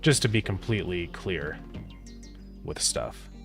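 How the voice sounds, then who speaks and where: Low-voiced man chatting through a coding stream. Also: unhurried, creaky, soft background music. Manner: relaxed, thinks aloud, answers chat with fillers. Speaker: indie game developer streaming. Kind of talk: casual live-stream chat while coding.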